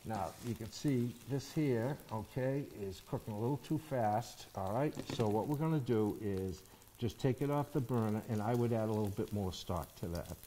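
Mellow-voiced chef teaching a cooking lesson. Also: male voice, lowish voice, normal speed, slight background noise, low-quality recording. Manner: explanatory, checks in with "okay?" and "all right?". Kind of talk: cooking demonstration. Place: studio kitchen set, indoors.

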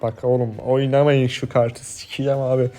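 A Turkish-accented man commentating his mobile game casually, cursing and yelling when frustrated. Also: medium pitch. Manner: swearing, yells in frustration. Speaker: gaming streamer.

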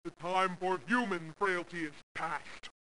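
An actress voicing an ancient spirit possessing a woman, her lines heard through a demonic layered voice effect, slow and menacing. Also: lowish voice, steady tone, fairly bright tone, a little hiss or hum, rough recording.

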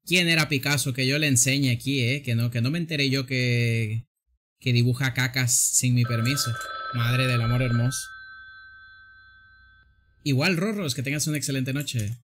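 A man's voice: mid-range voice, normal speed, fairly bright tone, slight background noise. A man streaming a drawing game, joking, exclaiming and laughing often. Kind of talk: casual gameplay commentary.

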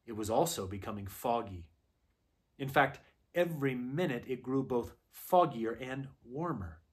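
A man calmly narrating a children's novel aloud at a gentle, measured storytelling pace. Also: mid-range voice. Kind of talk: unhurried read-aloud narration.

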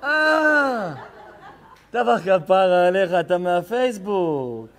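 A rabbi with a notably high voice teaches a live Torah lesson to a hall full of people. He jokes warmly with individual listeners and then shifts to earnest, heartfelt speech about faith. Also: sing-song. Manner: joking, affectionate banter with the crowd.

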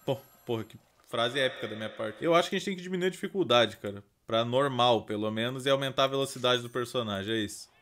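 A man with a Brazilian Portuguese accent giving let's play commentary as a gaming streamer, swearing constantly and breaking into loud outcries. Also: medium pitch. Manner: profane, excitable, bursts into loud outcries.

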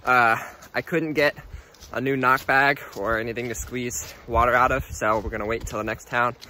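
A man's voice: mid-range voice, fairly even intonation, normal speed, pushed and bright, slight background noise. A man hiking a long trail, talking to the camera in a casual, rambling way and laughing easily, recorded outdoors. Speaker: thru-hiker vlogger.

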